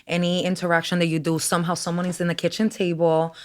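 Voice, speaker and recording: A woman's voice: fairly low pitch, fast talker. A woman from Rico, telling stories as a podcast guest and laughing often. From Puerto Rico. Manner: lively storyteller, laughs often. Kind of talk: casual interview chat.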